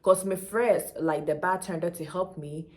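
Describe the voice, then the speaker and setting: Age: young adult. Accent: Ghanaian. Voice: a woman with a fairly low pitch. Style: animated storytelling vlog, emphatic and blunt. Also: moderate pace. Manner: emphatic, animated storytelling with local slang mixed in. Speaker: vlogger. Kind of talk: casual storytelling to camera.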